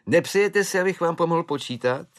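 A good-natured soldier chatters on in a raised, easy voice, matter-of-fact and cheerful whatever the subject. He talks unhurried and sure of himself, as a male narrator puts him on in a storybook reading. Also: a little high, voice pushed up, lightly acted. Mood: chatty. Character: good-natured, blithely unfazed soldier, adult man.

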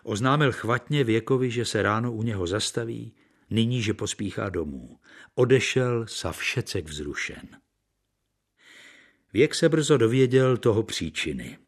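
A man narrating a classic novel as an audiobook, in a calm, measured reading. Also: fairly low pitch.

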